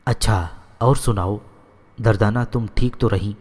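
A man voicing a gentle young woman in a storybook reading, calmly and in his own voice. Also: fairly low pitch, big-room sound, close to an everyday voice.

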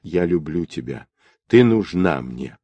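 Earnest young man, read by a male narrator, lively, voice swinging up and down. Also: lowish voice, takes it slowly, breathy edge, no room sound, full character voice. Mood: tender. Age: young adult. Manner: urgent, then tender. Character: desperate young man in love.

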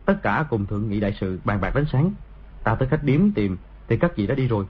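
A man voicing a boastful, arrogant young nobleman in an audiobook, speaking loudly. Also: lowish voice, expressive, a little fast, breathy edge. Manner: loud, bragging. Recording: dull lo-fi audio.

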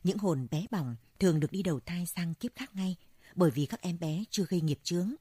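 A woman voicing a kindly old grandmother who speaks in a soft, comforting way. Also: on the low side, a little fast, slightly rough, no echo, studio quality.

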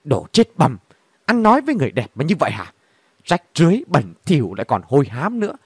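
A man's voice: a little high, big pitch swings, moderate pace, a little mellow, no room sound, clean studio sound. A man voicing a brash, scornful young woman in a bar, talking in a coarse, mocking way.

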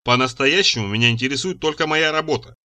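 A man's voice: a little high, big pitch swings, brisk, sharp tone, no echo, full character voice. A man reading as a blunt, fierce young woman scientist. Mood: firm. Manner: indignant, blunt retorts. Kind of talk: audiobook reading.

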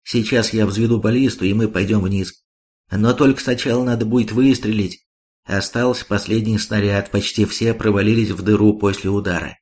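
A man reading the lines of a concussed young male fighter who speaks calmly and literally, as if detached. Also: on the low side, moderate pace, lightly acted.

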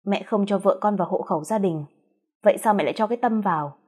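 A woman's voice: mid-range voice, fast, darkish tone, husky, lightly acted. A woman voicing an upset young husband in a storybook reading, questioning his mother indignantly.

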